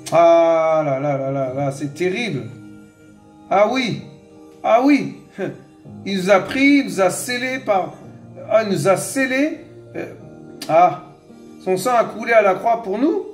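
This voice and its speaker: A man preaching an informal Bible teaching, exhorting his listeners, repeating phrases and filling pauses. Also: high voice, big pitch swings, echoey room, faint music behind.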